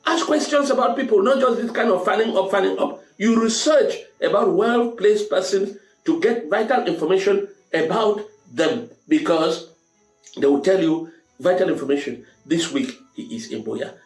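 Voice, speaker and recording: A high-pitched man with a Cameroonian accent hosts a storytelling show with a motivational advice talk, speaking at a moderate pace. He addresses listeners directly in an emphatic, avuncular way, repeating key phrases. The room is echoey, with music underneath.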